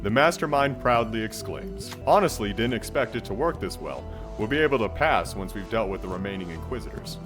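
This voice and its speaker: A man commenting on his gameplay and reading the game's text aloud, excitable, jumping to loud high bursts. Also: fairly quick, hardly any pauses. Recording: faint game music behind.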